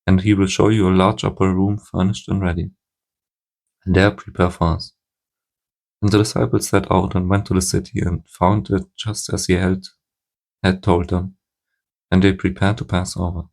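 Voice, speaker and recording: A man reading scripture aloud at a steady pace, now and then stumbling and restarting a word. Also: low-pitched, moderate pace, gravelly, pauses often. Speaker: Bible reader.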